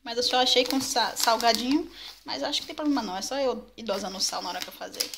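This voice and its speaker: Speaking fast at a fairly high pitch, a young woman from Salvador talks informally to the camera in her Bahian Brazilian Portuguese accent. The vlog moves from her home to city streets, filmed on a handheld camera at arm's length, and the sound is noisy with ambient background.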